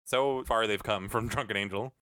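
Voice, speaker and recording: A man's voice: on the low side, moderate pace, pushed and bright, no echo, studio quality. A man co-hosting a casual film discussion, chatty and laughing often. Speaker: podcast co-host.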